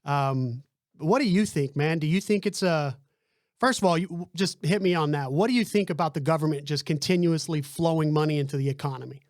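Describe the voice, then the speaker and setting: A man's voice: on the high side, a little fast, no echo, clean studio sound. A man hosting a podcast, talking casually and often checking in with "right?". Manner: chatty, lots of fillers and "right?". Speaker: podcast host.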